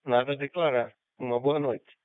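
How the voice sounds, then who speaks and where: A man with a crisp, medium-pitched voice checks in as a radio operator. He is heard through a dull, narrow radio transmission. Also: fairly even intonation, normal speed, no echo. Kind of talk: radio check-in with spelled call sign. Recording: band-limited radio hotspot transmission.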